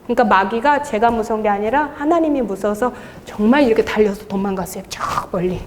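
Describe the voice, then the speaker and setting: A woman who leads intercessory prayer tells an animated testimony at a church service, often laughing as she talks. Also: mid-range voice, fast talker, a little hiss or hum. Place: church sanctuary. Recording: long reverb of a large church hall.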